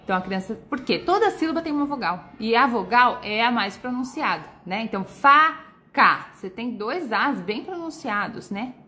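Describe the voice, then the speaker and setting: Woman, Brazilian accent, literacy educator on a live Q&A, slightly high voice, patient and explanatory, frequent check-in tags. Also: expressive, moderate pace, hardly any pauses, sharp tone. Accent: Brazilian Portuguese. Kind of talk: live Q&A, answering viewer questions.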